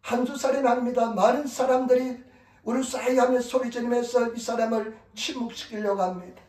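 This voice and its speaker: A man's voice: very high-pitched, fairly even intonation, a little fast, darkish tone, distant mic. A male pastor preaching a sermon in a church, pleading emphatically and repeating his exhortations. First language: Korean, preaching in Korean in Japan. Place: church sanctuary. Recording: echoey room, voice from off-mic.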